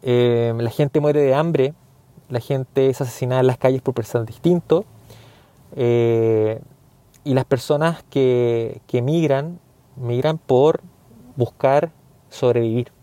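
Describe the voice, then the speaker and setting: A man's voice: mid-range voice, slow pace, mellow, no room sound. A man from Chile with a Chilean accent, giving an earnest, indignant opinion monologue full of hesitant fillers.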